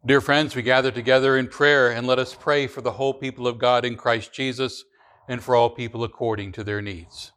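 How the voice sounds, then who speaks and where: A man leading a congregation in the creed and prayers, reading in a slow, measured recitation with small restarts. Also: mid-range voice, steady tone, a bit bright, smooth. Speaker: pastor.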